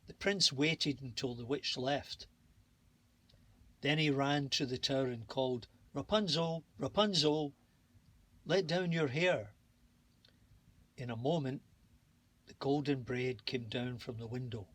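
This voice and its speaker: A man narrating a children's bedtime story at an unhurried, gentle pace. His voice is bright with a slightly husky, breathy grain, and the reading stays calm and soothing. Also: medium pitch. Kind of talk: bedtime story read-aloud.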